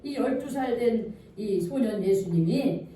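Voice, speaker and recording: Woman pastor, sermon delivery with questions to the pews, warm mellow tone, miked from a distance in a reverberant church. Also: on the high side, lively intonation, a little slow. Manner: asks the congregation questions and answers them. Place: church sanctuary. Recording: echoey church hall, voice from far off.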